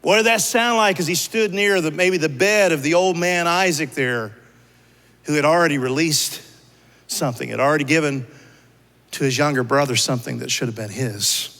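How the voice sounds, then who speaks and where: The long reverb of a church hall surrounds this male pastor's sermon as he talks conversationally and puts rhetorical questions to the listeners. His voice is on the high side and fairly bright, moving at a normal pace.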